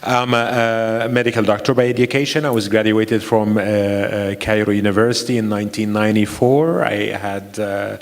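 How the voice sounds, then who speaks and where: A man from Egypt with a fairly low voice speaks in an earnest, halting way, often repeating words. His voice carries a long reverb, as if in a large hall. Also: steady tone. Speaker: medical doctor and company executive. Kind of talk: conference interview answers.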